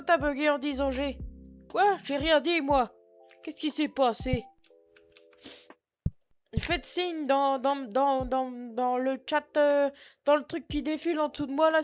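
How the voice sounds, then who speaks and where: Roleplaying on a live stream from home, a male streamer plays a sixty-year-old shop clerk who is scatterbrained, swears freely and sniffles through her rambling sentences. He pitches the voice high, in a put-on blend of Picard and Norman patois, speaking into a computer mic. She comes across chatty and flustered, tossing self-mocking asides to chat.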